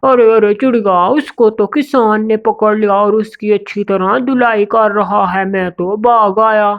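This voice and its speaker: A woman voicing a greedy, cowardly male cartoon crow who brags and talks fast. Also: mid-range voice, steady tone, phone-quality sound, close to an everyday voice. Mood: boastful. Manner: boastful, cowardly, fast-talking.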